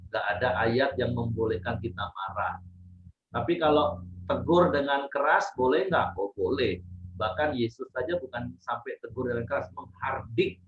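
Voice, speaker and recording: A man preaching in a relaxed, conversational way, going over his points again and again for the congregation. His voice sits in a middle range. The sound is muffled and a little far from the mic. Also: medium pitch, moderate pace, reverberant. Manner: plain, repetitive teaching, addresses listeners as Bapak Ibu. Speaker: pastor leading a devotional. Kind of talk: casual sermon to a congregation.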